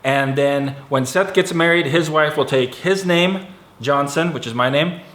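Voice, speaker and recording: Forties father, slightly high voice, chatty and teasing, recorded in a roomy space. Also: unhurried, fairly bright tone. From California, USA. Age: 40s. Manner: chatty, explains patiently, teasing. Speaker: family vlogger, father. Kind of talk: casual family Q&A. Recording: echoey room.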